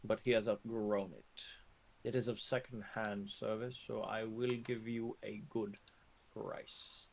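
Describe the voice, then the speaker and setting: Man playing a deadpan, slow-spoken, dignified male shopkeeper. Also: on the low side, creaky, a little hiss or hum, low-quality recording. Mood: deadpan, proud. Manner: deadpan, unsmiling, slow formal monotone. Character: deadpan, dignified, boastful male shopkeeper selling fine armor. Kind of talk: in-character tabletop role-play.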